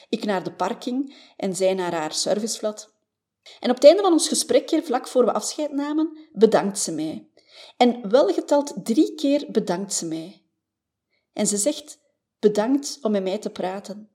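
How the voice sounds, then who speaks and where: A woman's voice: mid-range voice, mellow. A woman with a Flemish accent, a former family doctor, hosting a motivational podcast and telling stories in a chatty way that tags many sentences with a questioning "hè".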